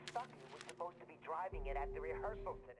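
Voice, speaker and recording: Man playing a bumbling, excitable, higher-voiced deputy. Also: fast talker, background noise, natural voice. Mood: eager, flustered. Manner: eager, flustered. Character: bumbling, excitable male deputy on police radio. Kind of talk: video game radio dialogue.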